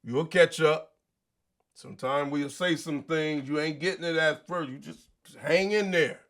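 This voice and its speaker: A man's voice: on the high side, fairly even intonation, measured pace, a bit bright. A man hosting a show, delivering an emphatic, preachy motivational monologue in casual slang, full of rhetorical questions. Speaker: show host.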